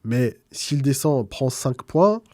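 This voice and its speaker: A man's voice: medium pitch, lively intonation, slow, warm tone, no echo, clean studio sound. A man from France, a guest in a casual interview, explaining things through examples with frequent restarts. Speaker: guest trader.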